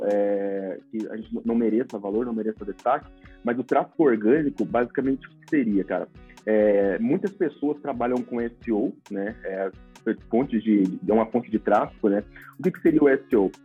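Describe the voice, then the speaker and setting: A man's voice: on the low side, fairly quick, breathy edge, phone-quality sound, faint music behind. A Brazilian man, a podcast guest, explaining things in a casual, informal way and often adding tag questions. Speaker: podcast guest, paid traffic manager.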